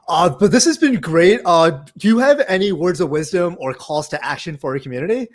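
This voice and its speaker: A man runs a programming meetup livestream for Python over video call, interviewing casually and sounding friendly and informal, with plenty of "uh" and "like". He talks briskly in an animated voice on the high side.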